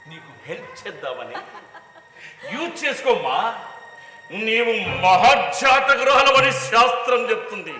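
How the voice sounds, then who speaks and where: A man playing a sly, flattering father who eggs on his daughter in a stage play. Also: extremely high pitch, heavily acted. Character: sly scheming father of the bride, astrology-minded. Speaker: stage actor. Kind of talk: stage drama acting. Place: stage in a hall. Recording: echoey hall recording with music.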